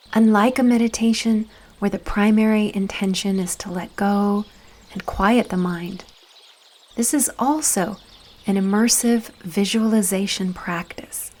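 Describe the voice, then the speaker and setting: This is a woman of medium pitch narrating a guided visualization. Her delivery is deliberate, soft, and calming, with breath trailing off each phrase and lengthy pauses throughout.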